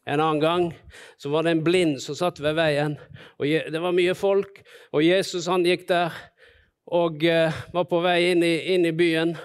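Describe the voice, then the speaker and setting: A man preaching a sermon with a fairly high voice. He tells the stories vividly and acts out the people in them as he goes. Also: little pitch movement, smooth. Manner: storytelling, acting out the disciples and Jesus in quotes.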